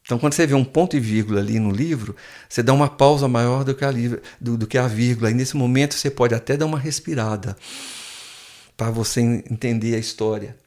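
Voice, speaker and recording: A man's voice: mid-range voice, quick pace, darkish tone. A man, a guest professor who explains things patiently with frequent restarts in a casual podcast chat in a studio.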